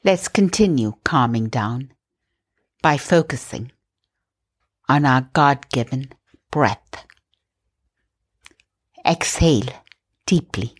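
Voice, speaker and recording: Low calm woman leading a breathing prayer, takes it real slow. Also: breathy edge. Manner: slow, soft, calm guiding. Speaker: meditation host. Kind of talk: guided prayer meditation.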